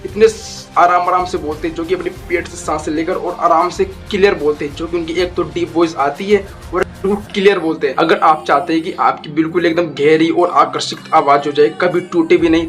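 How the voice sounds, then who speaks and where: A man's voice: a little high, fairly even intonation, fairly quick, few pauses, soft background music. A young man casually explaining voice training tips as a YouTube tutor, repeating points and mixing in English phrases. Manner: instructive, repetitive, mixes English phrases. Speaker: voice coach YouTuber.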